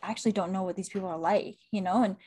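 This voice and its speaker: A young woman from Canada, talking in a casual interview. She is chatty and enthusiastic, piling on fillers and breaking into quick laughs. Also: medium pitch, fairly even intonation, darkish tone, husky. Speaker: guest, women's football correspondent.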